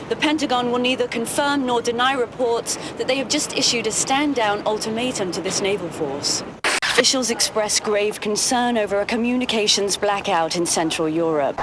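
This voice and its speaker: Noise runs beneath a woman playing a news anchor in a game cutscene. Her slightly high voice sounds close to everyday, and she delivers the scripted bulletins crisply and formally.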